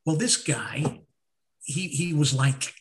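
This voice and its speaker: Animated storytelling man co-hosting a podcast. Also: a little high, takes it slowly. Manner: animated storyteller, acts out his own confusion. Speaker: podcast co-host. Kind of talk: casual chat.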